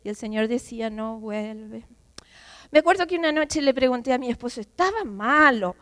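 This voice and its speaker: Woman pastor's wife preaching, high voice, big reverb church hall, emotional testimony. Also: animated, moderate pace, fairly bright tone. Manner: emotional, emphatic storytelling with quoted voices. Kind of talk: sermon testimony. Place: church sanctuary.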